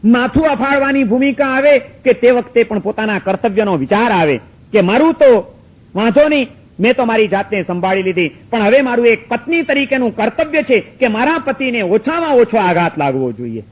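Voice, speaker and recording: A man's voice: very high voice, very animated, fairly quick, poor audio. A male preacher telling a moral story in a sermon, emphatic and repetitive, with rhetorical questions.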